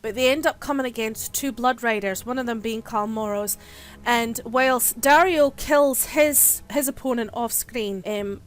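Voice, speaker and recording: A woman giving a casual, chatty recap of a TV episode, paraphrasing the characters' lines as she goes. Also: fairly high pitch. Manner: chatty retelling with paraphrased quotes. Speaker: TV show reviewer.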